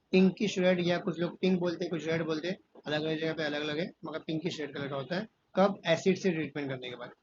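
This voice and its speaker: A man with a high voice teaches a school chemistry class. He asks the class questions, answers them himself and repeats each key point, calling the students "beta". The recording is dull and lo-fi, with a faint hiss behind it. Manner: calls students "beta", fatherly. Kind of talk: classroom lesson.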